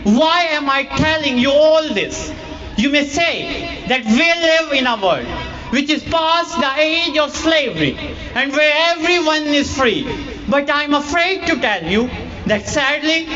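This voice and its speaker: A teenage male student with a Pakistani accent delivers an impassioned, emphatic declamation with deliberate phrasing in a contest hall. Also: very high voice, bright, forceful tone. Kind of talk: competitive declamation speech. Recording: muffled sound in a reverberant hall.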